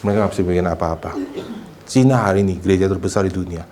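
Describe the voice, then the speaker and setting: Male pastor, lively sermon delivery, slips into English phrases, calls out to his congregation, acts out scenes mid-sermon. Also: low voice, very fast, a little hiss or hum. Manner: animated, acts out scenes like shouting for a medic. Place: church hall. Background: congregation responding.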